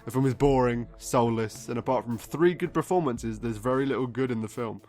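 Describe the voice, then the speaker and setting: A man's voice: mid-range voice, a little fast, a little mellow, faint music behind. A drunk man giving a casual, comedic film review, rambling off script, exasperated and swearing often. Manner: drunk, getting drunker, rambling and losing his thread.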